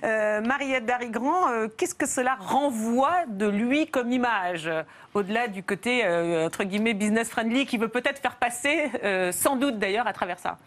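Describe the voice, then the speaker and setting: A woman hosting a studio talk show, questioning her guests with quick asides. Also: a little high. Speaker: TV host.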